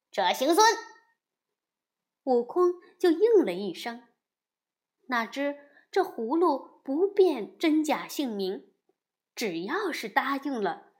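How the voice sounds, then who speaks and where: A woman narrating a classic storybook tale with a slow, expressive reading. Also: high-pitched.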